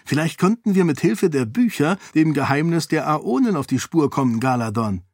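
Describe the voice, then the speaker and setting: A man voicing a curious, eager young man in an audiobook reading, speaking excitedly and with energy. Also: fairly high pitch, moderate pace, dry recording, studio quality, voice pushed up.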